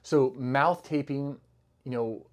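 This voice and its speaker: Here a middle-aged man talks slowly, his pitch medium, delivering a loose health talk to camera. Fillers and restarts run throughout, and his easy, clinician-to-patient manner keeps it a casual educational piece.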